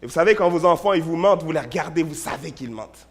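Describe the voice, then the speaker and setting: A man, a pastor, preaching a sermon in a church, telling stories, repeating words and shifting between loud and hushed delivery. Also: fairly high pitch, lively intonation, quick pace.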